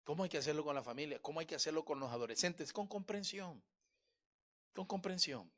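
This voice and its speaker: A middle-aged male pastor preaching a sermon in church, swinging between loud exhortation and soft, chatty asides. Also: on the high side, brisk.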